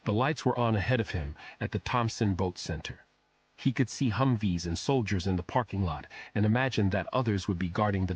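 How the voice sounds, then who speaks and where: Male audiobook narrator, slightly low and husky, measured thriller reading. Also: muffled recording. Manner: steady, measured storytelling.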